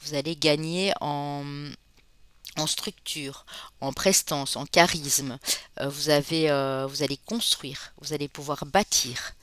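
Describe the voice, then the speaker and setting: Medium in pitch, slightly bright, fairly even in intonation and free of room sound, this voice belongs to a Spanish Basque tarot reader. She speaks informally to viewers, chatty and friendly, adding "hein" often and calling them friends.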